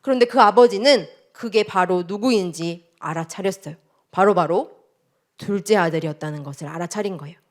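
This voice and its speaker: A woman teaching a children's sermon, telling a story and asking the children many questions in a lively, expressive way. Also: lowish voice, a little fast.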